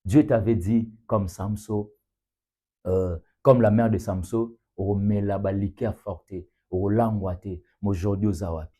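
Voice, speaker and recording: A man preaching a sermon with emphatic rising bursts, quiet asides and occasional Lingala phrases. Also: lowish voice, steady tone, measured pace.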